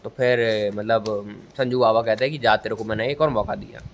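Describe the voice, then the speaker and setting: Recorded on a phone outdoors at a railway station at night, with noisy ambience, a young man who vlogs and reviews films as an amateur delivers a casual, comic movie review in a mock-formal storytelling style. His voice is fairly low, a little fast, and creaky.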